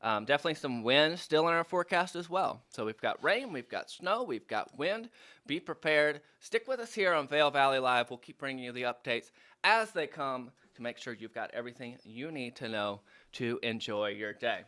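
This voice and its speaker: A man's voice: medium pitch, expressive, moderate pace, sharp tone. A man hosting a local morning show from a studio, chatty and upbeat, talking between bites of breakfast. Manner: chatty, eats on air, upbeat. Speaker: studio host. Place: indoor studio.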